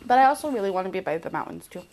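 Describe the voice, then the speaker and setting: A woman's voice: mid-range voice, expressive, very fast, darkish tone. A young woman co-hosting a podcast in casual chat, chatty, laughing often, saying "like" a lot. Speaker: podcast co-host.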